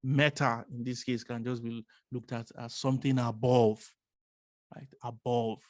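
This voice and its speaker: Male course instructor, mid-pitched, dry close sound, rhetorical teaching style with steady "right?" check-ins. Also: a little slow, no room sound. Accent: non-American English. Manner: repeats "right?" often, asks rhetorical questions. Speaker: business analysis instructor. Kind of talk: explanatory course lecture.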